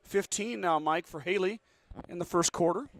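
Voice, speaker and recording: Hoarse man calling local basketball. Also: sits high. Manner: quick play-by-play, rising with the action, reads sponsor ads fast. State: sore throat. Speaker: play-by-play announcer. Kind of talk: local radio basketball commentary.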